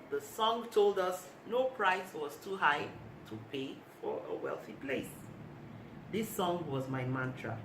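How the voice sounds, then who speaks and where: A woman author reading aloud from her own book of short stories in a measured, deliberate way. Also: low voice. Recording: echoey room, mic at a distance, noisy.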